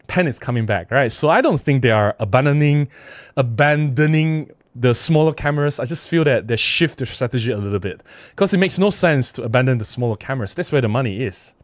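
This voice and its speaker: Seated at a desk in a small indoor room, a middle-aged man with a Malaysian accent hosts a relaxed livestream, reading out viewer comments and answering them. He talks fairly quickly and emphatically at a medium pitch, his intonation lively and conversational. The close, windscreened desk microphone gives a dry sound without any echo.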